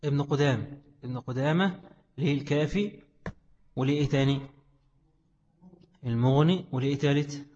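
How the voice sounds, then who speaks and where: A man's voice: mid-range voice, brisk, long pauses, dark tone, a little hiss or hum. Egyptian man teaching with rhetorical questions. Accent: Egyptian Arabic. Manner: asks questions and answers them himself. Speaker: religious studies teacher. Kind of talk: classroom lesson explaining a text. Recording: echoey hall, dull lo-fi sound.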